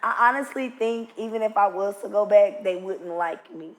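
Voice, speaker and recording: A woman's voice: mid-range voice, moderate pace. A woman in her mid thirties, talking in a candid, blunt and reflective way as a guest in a casual podcast chat. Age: 30s.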